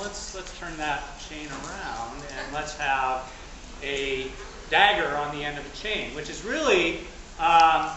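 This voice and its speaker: A man's voice: fairly high pitch, bright, forceful tone. A man giving a live, instructional demonstration as a fight director, talking to an audience and a partner while physically active. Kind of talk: live stage combat demonstration. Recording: echoey, noisy space, distant mic.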